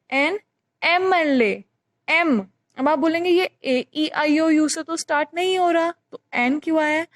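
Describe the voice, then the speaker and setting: A woman's voice: sits high, dry recording. A woman teacher patiently explaining a grammar lesson, repeating key points with examples. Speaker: English teacher.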